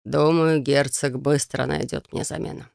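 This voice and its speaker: Reader plays a calm, wary male mentor-mage, low gravelly tone, dry close sound. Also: moderate pace, no room sound. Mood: gentle. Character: kind male magister mentor, gentle and wary.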